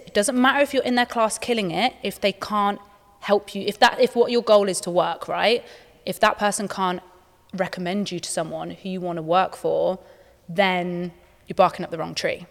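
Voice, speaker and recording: A woman's voice: mid-range voice, moderate pace, creaky. A British woman giving direct, explanatory advice in a casual Q&A, often posing questions and answering them herself. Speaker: panel guest, dance industry mentor. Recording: reverberant hall.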